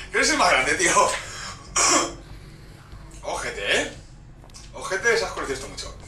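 Hyper young gamer shouting. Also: male voice, high voice, huge pitch swings, unhurried, far from the mic, slight background noise. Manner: hyper, shouting, crude jokes. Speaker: gaming YouTuber. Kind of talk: gameplay commentary. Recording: roomy, off-mic, game music behind.

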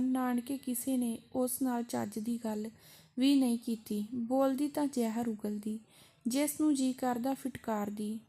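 A woman narrating a folk tale in a measured, expressive way. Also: a little high. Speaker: storyteller.

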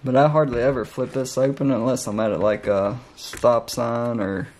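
Laid-back man with a mellow voice. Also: medium pitch, steady tone, moderate pace. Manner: laid-back, folksy, plain-spoken. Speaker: motovlogger. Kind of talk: casual how-to vlog. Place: indoors at a dining table. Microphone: helmet-mounted mic by the camera.

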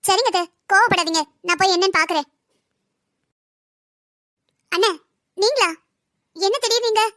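A performer voicing a gentle young married woman in a cartoon drama who tries to keep peace. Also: very high voice, normal speed, no echo, studio quality. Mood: placating. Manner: soothing, placating.

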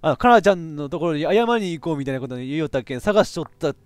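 A man with a giving excitable let's play commentary on a horror game, reacting loudly and laughing often. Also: on the high side, rapid-fire, dry recording, studio quality. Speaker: VTuber game streamer.

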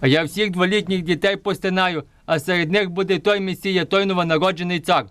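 A man's voice: high voice, fairly even intonation, a little fast, fairly bright tone, smooth, dry recording. A man performing a wrathful, boastful tyrant king in a folk nativity puppet play, speaking in a pompous, commanding declamation. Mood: wrathful, defiant.

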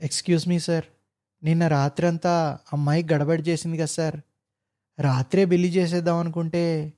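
A man's voice: fairly high pitch, level tone, normal speed, warm tone, natural voice. A man voicing a timid old office clerk who pleads meekly. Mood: pleading. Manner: meek, pleading.

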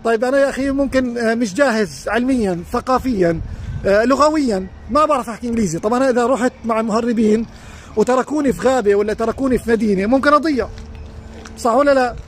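A man's voice: very high voice, rapid-fire, a little hiss or hum. A man with a Levantine Arabic accent gives earnest advice as a life coach on a live stream, speaking outdoors beside a lake into a phone. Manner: earnest, advising, addresses viewers directly.

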